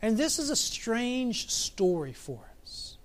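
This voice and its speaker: A man preaching a sermon as pastor, reflective, asking his listeners questions and slowing down for emphasis. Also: very high voice, sing-song. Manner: reflective, asks the congregation questions, varies pace for emphasis.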